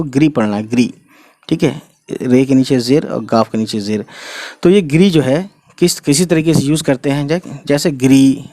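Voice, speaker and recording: A man's voice: mid-range voice, darkish tone, no echo. A man patiently teaching Urdu letters step by step in an explanatory lesson, often checking in with the listener.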